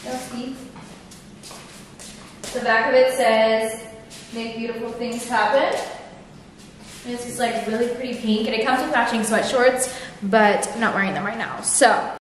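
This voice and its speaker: Speaking at a measured pace with frequent pauses, a woman in her early 20s with a fairly high voice vlogs about lifestyle topics, talking to camera informally with many fillers. The camera sits on a tripod or at arm's length in a big, sparsely furnished house room, so the bare space echoes faintly with noise.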